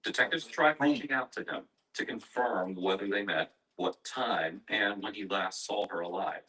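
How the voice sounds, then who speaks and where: A man reading a scripted true-crime narration in a measured, grave way. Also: on the low side, pushed and bright. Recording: distant, heard from afar.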